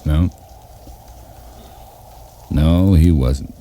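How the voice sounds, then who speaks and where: An actor playing a steady, commanding cavalry captain in a 1950s radio drama, heard with old broadcast sound. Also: male voice, very deep voice, extremely slow, loud music behind the voice, exaggerated voice. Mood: grave. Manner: firm military commands, then quiet and grave. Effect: old radio show broadcast sound.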